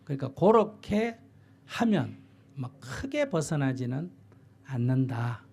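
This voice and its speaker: Gravelly monk. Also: male voice, medium pitch, big pitch swings, slow pace, darkish tone. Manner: blunt, plain-spoken advice, acting out parent and child lines. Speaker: Buddhist monk giving advice. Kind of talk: dharma talk answering a question.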